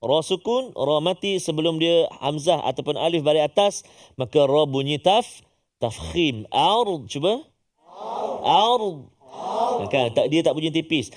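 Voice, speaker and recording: A middle-aged man teaching Quran recitation, coaxing learners to repeat after him and chanting example words. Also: a little high. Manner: lively, coaxing, models recitation in drawn-out chant. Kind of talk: tajwid lesson with call-and-response practice.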